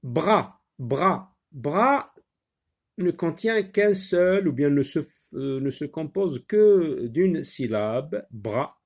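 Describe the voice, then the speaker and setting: A male teacher giving a phonics lesson for young children, repeating each word several times and pausing with frequent hesitant fillers. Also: fairly high pitch, lively intonation, vocal fry, dark tone.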